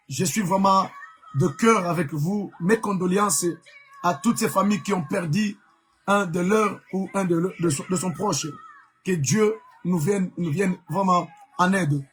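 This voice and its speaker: Congolese evangelist man, high husky voice, keeps repeating words for emphasis, faint music underneath. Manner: emphatic, repeats key words, frequent fillers. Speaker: evangelist preacher. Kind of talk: live-streamed sermon.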